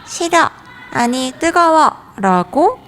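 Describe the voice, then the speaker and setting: A woman's voice: high-pitched, big pitch swings, slow pace, a bit bright, pitched above the performer's own voice, heavily acted. A woman voicing a whiny three-year-old girl who speaks in childish baby talk. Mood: tantrum.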